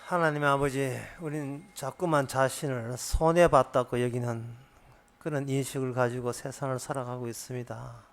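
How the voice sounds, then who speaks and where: A male pastor leading his congregation in an earnest, hushed prayer that trails off at the ends of phrases during a church service. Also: medium pitch, steady tone, moderate pace.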